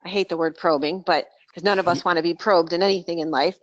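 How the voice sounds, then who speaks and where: A woman's voice: fairly low pitch, fairly even intonation, fast talker, dry recording. A woman on a group voice call, talking as a coach for dental practices. She is emphatic and outspoken. Her voice comes through muffled, lo-fi and very dry, with no room sound behind it. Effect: heard over a group voice call. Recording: dull lo-fi call audio.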